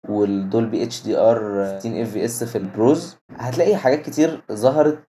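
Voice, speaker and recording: An Egyptian man in a casual tech discussion, switching freely between Arabic and English phrases. He talks quickly in a mellow, somewhat low voice. Faint noise sits behind him.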